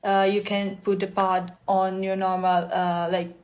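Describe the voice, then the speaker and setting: Soft, hesitant young woman, flat delivery. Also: mid-range voice, measured pace. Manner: soft, hesitant, many fillers. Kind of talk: casual advice vlog.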